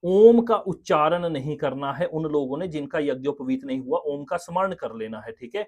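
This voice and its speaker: Guy with a higher voice showing a ritual step by step on camera, patient, keeps checking you're with him. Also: animated, moderate pace, darkish tone. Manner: patient, explanatory, often checks in with the listener. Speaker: spiritual teacher. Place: indoors, seated on a floor mat at a ritual setup. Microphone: camera in front.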